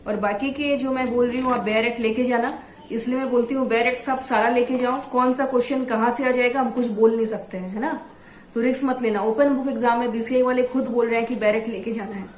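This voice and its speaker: A woman from Assam teaching exam preparation, reading out headings slowly and then explaining them. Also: fairly high pitch, steady tone, reverberant, slight background noise. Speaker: law exam tutor. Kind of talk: exam coaching lesson.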